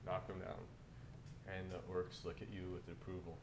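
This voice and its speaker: A man's voice: completely flat delivery, normal speed, creaky. A man narrating a tabletop game as dungeon master, laughing as he tells the scene. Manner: laughs while telling a scene. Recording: echoey room, noisy background rumble.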